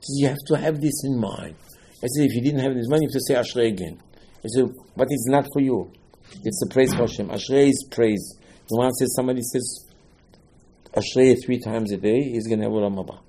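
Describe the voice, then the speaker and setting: A man's voice: mid-range voice, a little fast, warm tone, slight background noise. A man teaching a Torah lesson, telling stories and acting out the dialogues with emphatic bursts. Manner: storytelling, acts out dialogues, rising to emphatic bursts.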